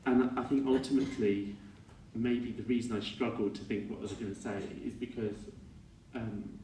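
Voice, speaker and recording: A middle-aged man giving an informal funeral speech as a son, halting and reflective, often correcting himself as he goes. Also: medium pitch, steady tone, dark tone. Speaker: son giving a eulogy for his father. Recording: echoey room, distant mic, faint noise.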